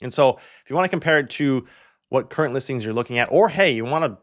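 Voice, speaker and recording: A man's voice: mid-range voice, lively intonation, fast talker. A young man from Canada hosting a casual real estate walkthrough, chatty and full of "like" fillers. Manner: chatty, filler-heavy, lots of "like". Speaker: real estate agent and video host.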